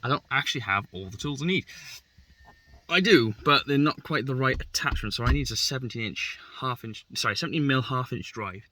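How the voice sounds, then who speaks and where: Working on his car in the garage, a male vlogger gives a rambling, self-deprecating how-to. He talks fairly quickly at a medium pitch, with lively intonation and a bright, forceful tone.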